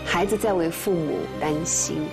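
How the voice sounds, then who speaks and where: A woman speaks on a large TV studio stage as a guest judge. She interviews gently and coaxes in a soothing tone, pitched in an ordinary middle range. Loud music plays behind her. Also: normal speed, creaky. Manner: soothing, coaxing tone with children. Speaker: guest judge on a TV challenge show.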